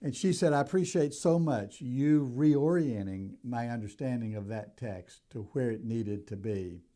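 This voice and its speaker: An older man preaching a sermon in a deliberate, emphatic way, stressing key words as he teaches. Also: medium pitch, warm tone. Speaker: pastor.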